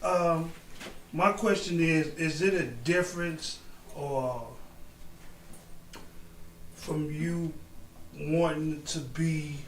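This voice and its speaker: Co-host guy talking real slow, higher voice, far off in an echoey room. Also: fairly even intonation, slight background noise. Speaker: podcast co-host. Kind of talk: interview questions.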